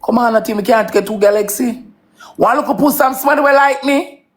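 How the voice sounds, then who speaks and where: A woman's voice: on the high side, fairly quick. A Jamaican woman in her thirties hosting a live stream, coaxing her chat with repeated call-outs in patois. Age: 30s.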